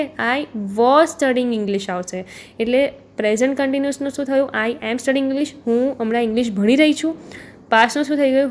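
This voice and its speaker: A woman's voice: high-pitched, darkish tone. Gujarati woman teaching with patient, repetitive explanation. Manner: patient, repeats points, checks in with filler questions. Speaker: English teacher for exam aspirants. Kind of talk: explanatory lesson.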